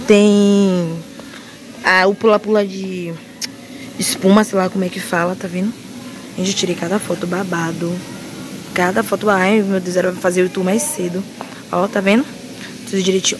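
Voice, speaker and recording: A young woman chatting excitedly in a casual vlog, often dropping to whispered asides, filmed on a handheld phone as she walks outdoors and through a big house. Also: mid-range voice, a little hiss or hum. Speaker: vlogger. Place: outdoors walking a street, then inside a large house.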